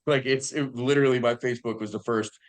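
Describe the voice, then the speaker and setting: A man's voice: medium pitch, steady tone, quick pace. A man hosting a casual podcast as a coach, talking frankly with easy laughter and casual swearing.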